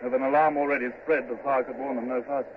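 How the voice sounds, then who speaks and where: An actor playing an earnest British naval officer giving clipped, dutiful reports in an old-time radio drama. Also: male voice, medium pitch, flat delivery, fast, lightly acted. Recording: tinny, noisy old radio recording.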